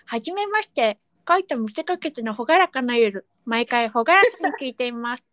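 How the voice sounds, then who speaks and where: A woman voicing a bashful young man with missing back teeth, reading a fan letter slowly and carefully. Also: on the high side, animated, a bit bright, dry recording. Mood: earnest.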